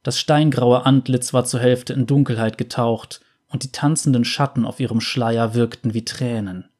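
A man narrating a fantasy story in a calm, measured way. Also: medium pitch.

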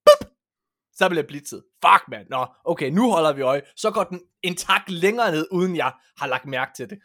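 Male podcast host, high voice, informal and sweary, rambling storyteller in loose conversation. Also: animated, bright, forceful tone. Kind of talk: casual chat, anecdotal storytelling.

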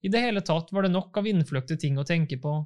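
A man reading a classic novel aloud in calm, measured scripted narration. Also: a little high. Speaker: audiobook reader.

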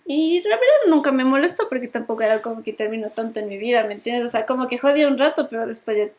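A woman's voice: on the high side, animated, fast, darkish tone. A woman co-hosting a podcast, chatting casually, laughing often and acting out little quotes. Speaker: podcast co-host. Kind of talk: casual chat.

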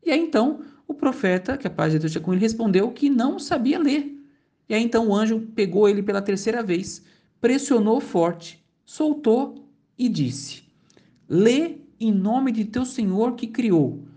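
A woman's voice: a little high, lively intonation, moderate pace, mellow. A woman, casually telling a religious story and linking each part with the same repeated phrase.

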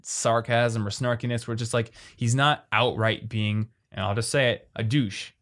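A man co-hosting a podcast, chatting casually and quickly, reading listener questions aloud. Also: medium pitch, steady tone, a bit bright. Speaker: podcast co-host.

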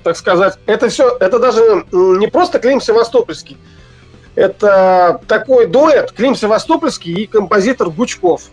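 A man from the Urals talking casually as an interview guest on an internet call, halting and correcting himself. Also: sits high, animated, soft background music. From Urals region of Russia. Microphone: internet messenger call.

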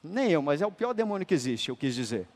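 A man preaching a sermon, emphatic and colloquial, moving between loud declarations and hushed, tender lines and calling listeners brother. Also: on the high side, sing-song, quick pace. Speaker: apostle preaching. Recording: long hall reverb.

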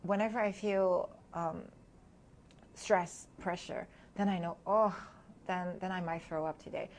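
Soft-spoken reflective woman, lower voice. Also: fairly even intonation, a little slow, slight background noise. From Hong Kong. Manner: soft-spoken, reflective, laughs between thoughts. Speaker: guest. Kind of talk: candid personal interview.

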